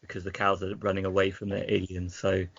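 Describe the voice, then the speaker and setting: A man co-hosting a casual podcast, recapping at length with restarts and often trailing off quietly. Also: deep voice, completely flat delivery, brisk, creaky. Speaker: podcast co-host. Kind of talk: casual chat. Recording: dull lo-fi with faint noise.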